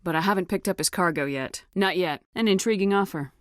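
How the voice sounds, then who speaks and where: An actress playing a tough, no-nonsense military space commander in a video game, with a clipped, assertive, businesslike delivery. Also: female voice, fairly low pitch, brisk, dry recording, studio quality, close to an everyday voice. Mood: cool, guarded. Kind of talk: video game dialogue acting.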